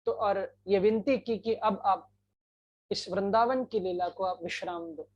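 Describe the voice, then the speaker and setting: Woman, devotional storyteller, slow delivery, dull lo-fi sound. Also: mid-range voice, a little mellow. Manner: unhurried, sings devotional verses. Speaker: katha storyteller.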